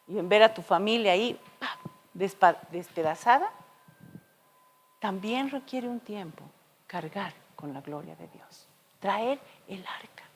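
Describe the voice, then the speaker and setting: A woman preacher delivering a sermon, telling stories with dramatic shifts between loud and soft. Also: medium pitch, long reverb tail. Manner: expressive storytelling with dramatic shifts in loudness. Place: church.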